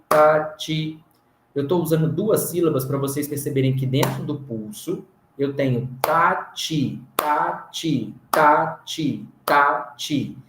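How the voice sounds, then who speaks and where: Slow, patient Brazilian male music teacher. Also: mid-range voice, a little hiss or hum. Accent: Brazilian Portuguese. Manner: counts beats aloud and chants rhythm syllables. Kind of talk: recorded music theory lesson. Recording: roomy recording.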